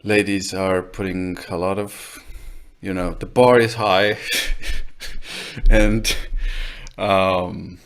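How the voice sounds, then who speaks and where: Slow, low-voiced man joking. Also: level tone, smooth. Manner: joking interjections, slow and drawn out. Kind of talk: casual chat.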